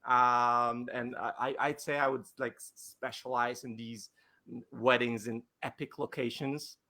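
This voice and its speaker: A man's voice: mid-range voice, steady tone, unhurried, bright, forceful tone. A male wedding photographer answering interview questions over a video call, hesitant, with many fillers and restarts.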